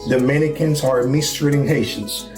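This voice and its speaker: A man's voice: medium pitch, fairly even intonation, normal speed. A man answering in an interview clip, speaking cautiously and earnestly. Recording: roomy clip with guitar music. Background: faint guitar music.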